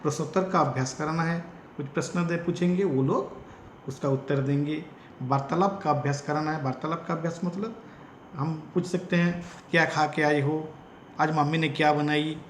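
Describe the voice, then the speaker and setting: A man who trains teachers gives a slow lecture in Hindi with an Odia-influenced accent and repeats example sentences with stress. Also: on the high side, steady tone, roomy sound, slight background noise. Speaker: teacher educator.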